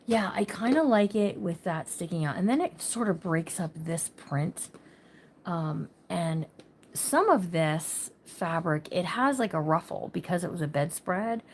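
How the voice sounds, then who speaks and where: A woman's voice: on the low side, animated, a little slow. Chatty woman hosting a craft livestream. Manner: chatty, talks to viewers by name, thinks aloud; says she talks loud. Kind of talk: casual craft livestream chat.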